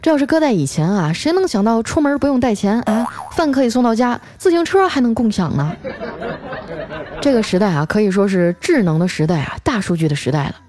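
A woman's voice: fairly high pitch, lively intonation, fairly quick, a little mellow, no echo. A woman telling comic everyday stories in a chatty monologue, sprinkled with filler particles. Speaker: comic storyteller.

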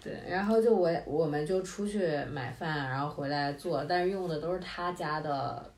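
Woman, casual chat, chiming in, trails off softly, echoey room. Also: low voice, moderate pace.

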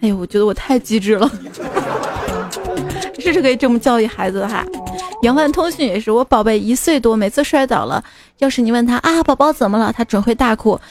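A woman's voice: a little high, a little fast. A woman hosting a funny-stories show, reading listener jokes in a chatty way and chuckling between them. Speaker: host of a funny-stories program. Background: faint background music.

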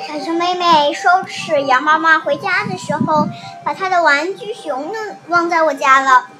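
High-voiced woman reading a children's story. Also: normal speed. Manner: addresses young listeners directly. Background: music.

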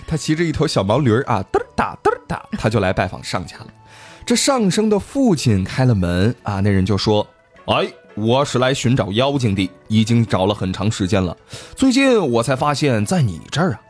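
A man's voice: mid-range voice, normal speed, faint music behind. A man hosting a podcast, telling a ghost story in a casual, joking way with his co-hosts. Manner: lively, playful, joking with co-hosts.

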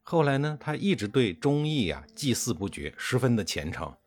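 A man's voice: mid-range voice, sing-song. A man narrating history in a chatty, colloquial storytelling style, drawing out his sentence endings. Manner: colloquial, chatty, with drawn-out particles.

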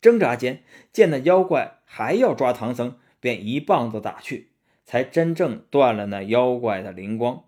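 A man narrating a storybook in an expressive, rising-and-falling storytelling manner. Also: mid-range voice, unhurried.

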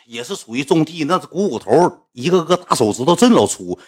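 A man telling a comic story in a lively, chatty way. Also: on the high side, fairly quick, husky.

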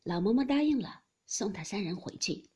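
A woman narrating a classical novel as an expressive audiobook storyteller. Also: medium pitch, normal speed, slightly rough.

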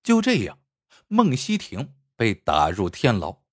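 A man telling a traditional folk tale in an expressive, rising and falling storytelling voice. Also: fairly low pitch, slow, breathy edge, no echo, studio quality.

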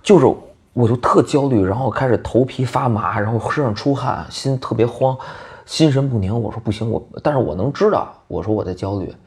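A man's voice: medium pitch, brisk, a little mellow. A man, a bar owner guesting on a podcast, talking candidly in casual chat. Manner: candid, colloquial, trails off and restarts.

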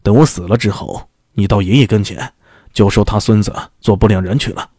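A man voicing a proud, furious middle-aged father who blusters and makes gruff threats in a lowered voice. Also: brisk, darkish tone, no room sound, clean studio sound.

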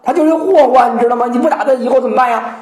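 A woman's voice: fairly high pitch, rapid-fire, darkish tone, pitched above the performer's own voice, natural voice. A woman voicing an indignant old male sage who scolds his students, pounding the table. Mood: scolding. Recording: roomy echo.

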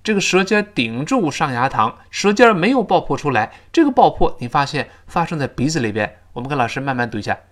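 Lively, animated male teacher in middle age; spells out sounds and drills them slowly for learners. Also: fairly high pitch. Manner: lively, slows down to model pronunciation. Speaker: English teacher. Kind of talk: spoken English lesson.

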